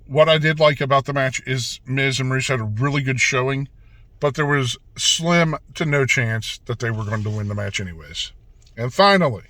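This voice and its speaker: A man with a drawl talks in a relaxed, rambling way, full of fillers and restarts, with hiccups breaking in. His voice sits at a middle pitch. The recording is dry and close, with no room sound. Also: no room sound. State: has the hiccups. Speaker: wrestling channel host. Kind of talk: casual video review.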